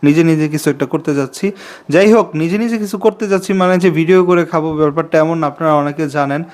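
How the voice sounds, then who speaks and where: A man's voice: a little high, fast talker, a little mellow. Chatty young man pleading for subscribers. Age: 20s. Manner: chatty and confiding, repeats himself, pleads for subscribers. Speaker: vlogger. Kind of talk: casual talking-to-camera vlog.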